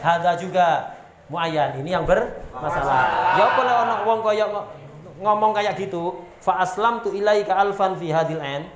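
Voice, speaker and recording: A man with a Javanese accent and a high-pitched voice teaches a pesantren kitab lesson, reading Arabic terms aloud and then explaining them. He throws rhetorical questions at his students and cracks jokes. The audio is reverberant with slight background noise.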